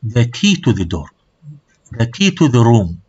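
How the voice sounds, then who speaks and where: A man teaches a class at a middle pitch, stepping through examples as he moves between two languages. The recording is dull and a little lo-fi. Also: sing-song, drawn-out words, darkish tone, husky. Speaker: language lecturer. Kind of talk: classroom lecture mixing Arabic and English.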